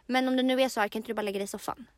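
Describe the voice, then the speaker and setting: Young female podcast co-host, higher voice, dry close sound, dramatic raconteur. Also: fairly even intonation, no room sound. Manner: dramatic storytelling, acts out quotes loudly. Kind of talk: casual chat.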